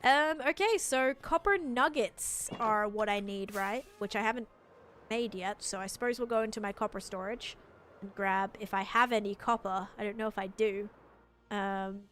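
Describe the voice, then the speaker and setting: A woman livestreaming a game in casual chat, rambling and thinking aloud as she answers viewers, with expressive jumps in pitch and volume. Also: normal speed. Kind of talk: casual gameplay stream chat. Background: music.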